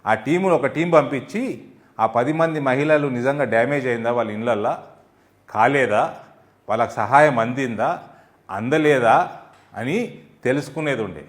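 A man's voice: medium pitch, moderate pace, long pauses. A man, a party spokesman answering in a heated political interview, scolding and sarcastic, firing rhetorical questions.

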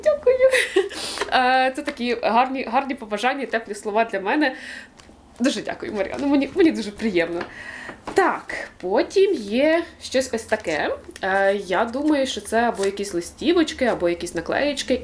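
A young woman vlogging from home as she unboxes a gift, chatty and thankful, often pausing with fillers. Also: medium pitch, a little hiss or hum. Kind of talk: casual unboxing chat. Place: home room.

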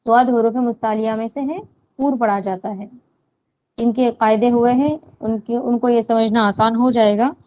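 A woman teaching Quran recitation rules, explaining slowly and answering her own questions, with drawn-out chanted recitation of verses. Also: fairly high pitch, steady tone, muffled recording. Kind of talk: slow step-by-step tajweed lesson.

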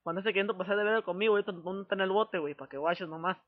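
This prank caller, a man with a noticeably high voice and a northern Mexican accent, speaks fast in dense street slang, pushing and threatening while looping back over his phrases. The telephone call's audio is very muffled.

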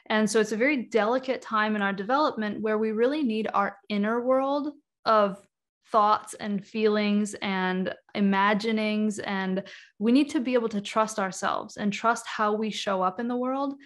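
Talking over a webcam from indoors at home, this energy-healing author in her thirties is the guest in a video-call interview. Her mid-range voice is steady and at normal speed as she carefully explains things at length, with many "like" and "um" fillers.

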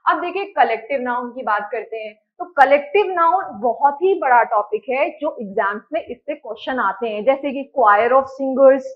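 A woman's voice: high-pitched, moderate pace, few pauses, highs cut off. A woman teaching an exam-prep grammar lesson. She keeps asking the class questions and then answers them herself, checking in with "okay" again and again. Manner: repeats "ठीक है" to check understanding.

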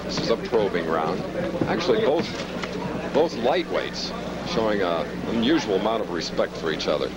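A man's voice: lowish voice, expressive, moderate pace. A man giving live boxing commentary at ringside on a noisy broadcast. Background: loud background noise.

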